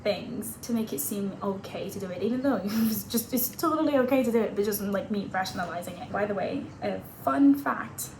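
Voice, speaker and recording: A woman's voice: medium pitch, fairly quick, hardly any pauses. A woman in her twenties talking casually and candidly to the camera, laughing at herself now and then. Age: 20s. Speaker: vlogger. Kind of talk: casual talking-head vlog. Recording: echoey room with audible background noise.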